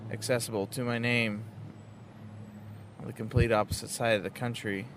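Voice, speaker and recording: Guy from west virginia rambling into an audio diary, halting and frustrated, noisy car recording. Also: medium pitch. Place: sitting in a parked car.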